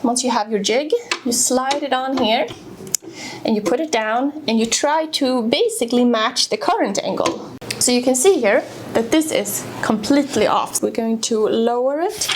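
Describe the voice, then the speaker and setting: A woman's voice: a little high, normal speed, noisy background. A woman, casually walking through a tool demonstration in her workshop, explaining each step with fillers and restarts. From Sweden. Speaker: woodworking video host. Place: home woodworking workshop.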